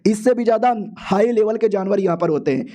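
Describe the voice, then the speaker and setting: A man's voice: sits high, brisk, mellow, natural voice. A man voicing a chubby, chatty young male sidekick who rambles and jokes. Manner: rambling, jokey.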